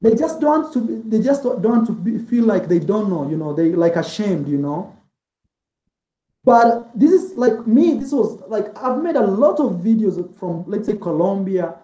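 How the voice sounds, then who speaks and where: Interviewed as a guest, a male travel vlogger chats casually and rambles, dropping "like" and "man" constantly. His high, warm voice swings widely in pitch at a moderate pace, and the poor-quality audio sounds roomy.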